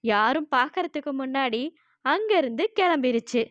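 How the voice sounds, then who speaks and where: A woman's voice: high-pitched, expressive, normal speed, a bit bright, no room sound, highs cut off. Woman narrating a children's story.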